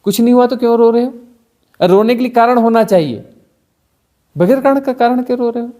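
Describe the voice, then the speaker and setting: A man. He keeps firing rhetorical questions and acts out mocking little examples, rising sharply in pitch when he gets animated. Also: brisk. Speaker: spiritual teacher. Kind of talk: satsang discourse.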